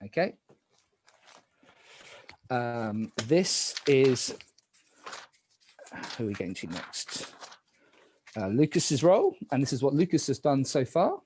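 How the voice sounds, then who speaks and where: A man's voice: medium pitch, big pitch swings, slow pace, long pauses, darkish tone, slight background noise. A man hosting a game casually as moderator, giving instructions to the players.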